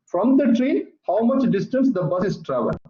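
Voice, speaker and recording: High-voiced man teaching physics online. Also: sing-song, moderate pace, dark tone. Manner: repetitive, patient explaining. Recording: echoey, muffled online call audio.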